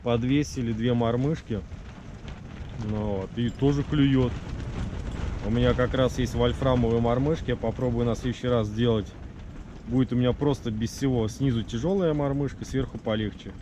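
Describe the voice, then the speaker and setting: A man's voice: medium pitch, steady tone, moderate pace, mellow. A man hosting an ice-fishing vlog, chatting casually in colloquial, grumbling speech with mild slang curses, with wind hitting the mic. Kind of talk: casual vlog chat to camera while fishing. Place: windy frozen outdoors, in and around a fishing tent. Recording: noisy outdoor recording, wind on mic. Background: wind and outdoor noise.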